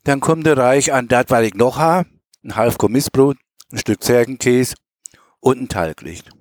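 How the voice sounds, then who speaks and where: A man with a broad Mecklenburg Low German accent reads an old memoir tale aloud. His delivery is homely and unhurried, with small stumbles and fillers. The recording is dry and close. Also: dry recording. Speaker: storyteller.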